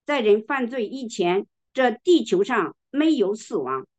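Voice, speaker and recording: A woman preaching a sermon, reading scripture slowly and with emphasis, now and then clearing her throat. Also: a little high, big pitch swings, darkish tone.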